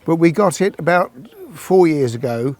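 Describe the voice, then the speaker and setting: A man's voice: on the high side, animated, normal speed, a little mellow, dry recording. A man at a heritage site explaining a working device to a presenter in a plain, matter-of-fact way. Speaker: demonstrator at a heritage centre.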